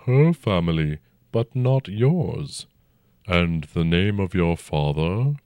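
A man voicing a huge, very old and noble dragon who speaks slowly and formally with a rumbling tone. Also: animated, warm tone, smooth, no room sound, clean studio sound. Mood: stately, probing. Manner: slow, stately and formal, old-fashioned speech. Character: ancient noble dragon, huge, calm and probing.

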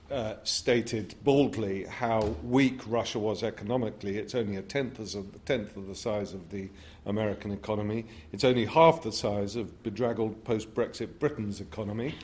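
A man addresses an audience from a panel at an even middle pitch. He talks in a measured, thoughtful way, pausing and restarting as he works through his points. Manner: measured, with frequent restarts and fillers. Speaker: panel speaker. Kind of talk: public lecture answer.

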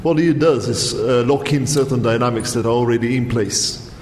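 A man answers a question on a panel in a measured, explanatory way, pausing often on ums. His voice rings out in a large hall with a long reverb and a faint background noise. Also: mid-range voice, darkish tone.

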